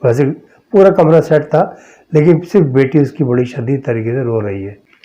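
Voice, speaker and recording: Male podcast storyteller, deliberate pacing, warm low tone, muffled recording. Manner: slow, measured storytelling with drawn-out pauses. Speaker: storyteller host. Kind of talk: narrating a true horror story.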